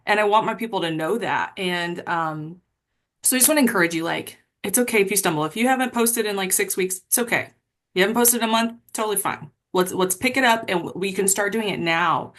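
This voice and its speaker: A woman's voice: mid-range voice, a little fast, fairly bright tone. Woman, team leader, casual motivational pep talk on a video call, rambling and self-deprecating.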